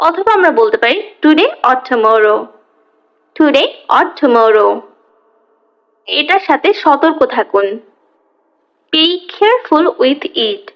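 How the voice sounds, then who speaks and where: Slow-drilling woman teacher. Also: sits high, fairly bright tone, muffled recording. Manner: reads Bengali quickly, then repeats English phrases slowly twice. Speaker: English teacher. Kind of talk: slow phrase-by-phrase language drill.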